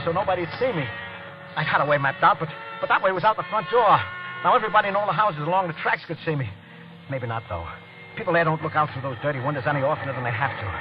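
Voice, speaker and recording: A man with a slightly high, natural voice performs first-person radio thriller narration from the 1940s-50s, cast as a guilty man fleeing after a killing. His mood is nervous and panicky, his delivery tense and rushed, and questions make him stammer. The dull old recording includes music.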